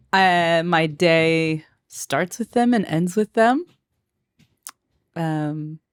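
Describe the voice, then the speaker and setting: A woman's voice: fairly low pitch, clear, resonant tone. A woman in her thirties, a mother and music teacher, co-hosting a family podcast in a giggly, self-conscious, teasing way. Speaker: podcast co-host. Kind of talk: casual chat.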